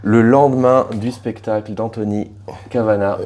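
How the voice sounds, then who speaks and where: Low-voiced man hosting an interview. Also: fairly even intonation, moderate pace, a little mellow. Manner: friendly, filler-heavy questions. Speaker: host and coach.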